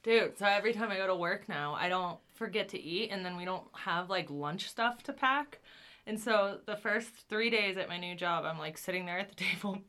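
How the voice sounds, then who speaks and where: A woman's voice: medium pitch, normal speed, pushed and bright. A woman co-hosting a podcast in casual banter, informal and teasing. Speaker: podcast co-host.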